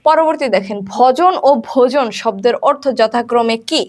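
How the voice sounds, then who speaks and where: A woman's voice: on the high side, normal speed. A woman teacher from Bangladesh running an exam revision lesson, asking questions and answering them herself. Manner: quizzing, asks then answers her own questions.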